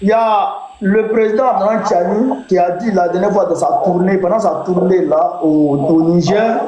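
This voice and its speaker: Host, male, high-pitched, deliberate and emphatic, recorded in a roomy echo. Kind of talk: political discussion. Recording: roomy echo, faint ambient noise.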